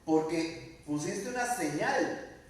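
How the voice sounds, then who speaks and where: A man's voice: on the high side, lively intonation, takes it slowly. A male pastor preaches a sermon, asking the congregation questions and acting out quoted lines. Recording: very echoey room, mic at a distance.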